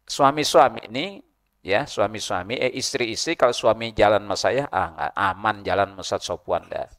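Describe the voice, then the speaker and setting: A middle-aged male preacher, giving a humorous mosque sermon and chanting Arabic verses slowly. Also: fairly low pitch, a bit bright.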